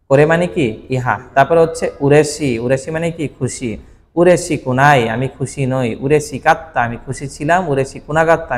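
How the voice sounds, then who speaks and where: A man's voice: on the high side, in a large hall. A man whose first language is Bengali teaches Japanese vocabulary in a patient classroom style, often checking that the listener follows.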